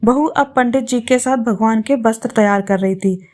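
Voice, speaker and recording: Lady narrating a story, steady, kinda high voice. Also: moderate pace.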